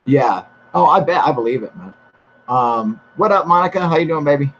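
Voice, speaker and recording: A man's voice: a little high, a little fast. A man hosting a casual live stream about UFOs, swearing freely and laughing often, reading viewer chat. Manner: profane, excitable, laughs often. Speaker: host of a live UFO stream. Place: outdoors in humid air. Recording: slightly dull with faint hiss.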